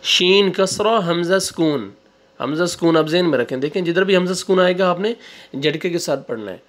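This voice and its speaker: A male Quran teacher spelling out syllables one by one, drawing out the recited words and giving quick asides between them. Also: high-pitched, lively intonation. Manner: slow drawn-out recitation, then quick asides. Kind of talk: spelling out syllables in a reading lesson.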